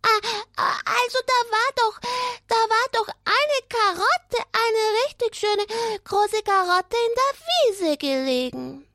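A performer voicing a small, eager hare puppet who talks like an excited child in a children's puppet show. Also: very high-pitched, slow pace, few pauses, dry recording, studio quality, full character voice. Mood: chatty. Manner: chatty, excitable, childish talk.

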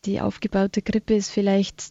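A woman chatting and then reading a Christmas story aloud in a gentle, warm way. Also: mid-range voice, monotone, moderate pace, creaky, no echo. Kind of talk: conversational chat, then read-aloud storytelling. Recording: dull lo-fi dry sound.

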